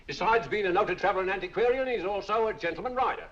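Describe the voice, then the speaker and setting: A man's voice: high-pitched, fast, fairly bright tone. An actor playing a male auctioneer, coaxing bids with showy sales patter. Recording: dull old film soundtrack.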